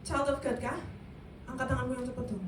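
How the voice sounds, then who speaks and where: A woman leads an interactive youth sermon in a church meeting room, speaking quickly in a high voice, questioning listeners directly and mixing in English. She's lively but heard from a distant mic, with an echoey room and faint hiss.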